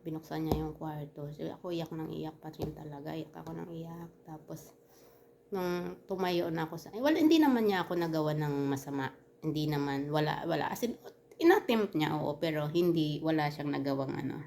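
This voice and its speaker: Woman vlogger doing storytime, low pitched, kinda gravelly, lots of restarts and fillers, gets heated. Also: darkish tone, a little hiss or hum. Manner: halting, with frequent restarts and fillers. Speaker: vlogger telling a personal story. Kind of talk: casual storytime recounting.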